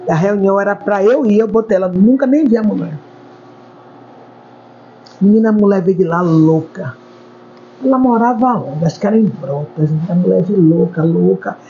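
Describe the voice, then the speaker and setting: A woman's voice: medium pitch, normal speed, long pauses, mellow. A woman, a hair stylist, telling stories in an interview and repeating words for emphasis. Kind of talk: interview storytelling. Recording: dull lo-fi recording, faint background noise.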